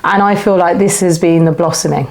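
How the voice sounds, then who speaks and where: A woman's voice: lowish voice, a little fast, a little mellow. A woman in her forties, a guest on an interview show, telling her personal story in a candid, reflective way. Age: 40s. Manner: reflective, open, speaks in short flowing phrases.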